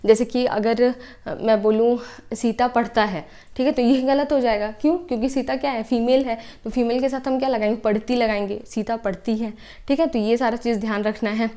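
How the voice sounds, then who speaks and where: A young woman teaches an online exam-prep class in a fairly high voice. She takes each point step by step and repeats the key ideas. She keeps checking in with short "okay"s as she goes. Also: steady tone, fairly quick, mellow, smooth. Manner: explains step by step, repeats points, often adds "ठीक है".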